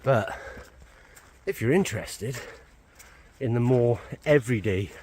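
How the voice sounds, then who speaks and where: A man's voice: medium pitch, animated, takes it slowly, a little mellow, slight background noise. Chatty man vlogging outdoors. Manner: chatty, self-mocking, talks to camera while working. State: out of breath. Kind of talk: casual camping vlog. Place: outdoors in the woods.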